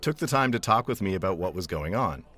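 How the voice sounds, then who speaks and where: A man's voice: sits low, animated, fast talker, a bit bright. A man in his forties hosting a podcast, telling a scripted story with dry, self-deprecating humor. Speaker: podcast host. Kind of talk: scripted monologue intro.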